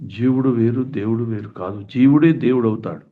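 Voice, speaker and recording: A man's voice: medium pitch, a little fast. Man giving a spiritual talk, tinny sound. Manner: earnest, rhetorical questions, folksy asides. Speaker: spiritual teacher. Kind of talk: spiritual discourse.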